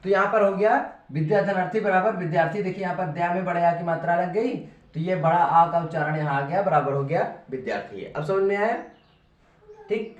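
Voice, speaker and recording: A high-pitched man teaches a patient, step-by-step grammar lesson at a board and keeps checking that the class follows. He sounds far from the microphone, in a noticeably echoey room. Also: brisk, highs cut off. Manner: patient, repetitive, checks in with "ठीक है".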